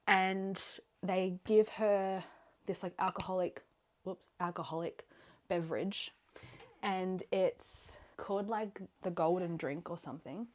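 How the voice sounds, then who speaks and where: An Australian book vlogger chats casually in her bedroom about a book while tidying clothes, rambling with plenty of fillers. Her voice is medium-pitched and a little mellow.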